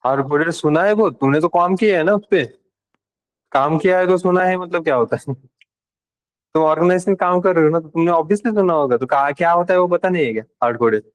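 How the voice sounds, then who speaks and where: A man's voice: on the high side, fairly quick, rough recording. A man teaching a live programming class, talking casually and directly to his students. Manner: casual and direct with students, switching between Hindi and English terms. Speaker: programming instructor.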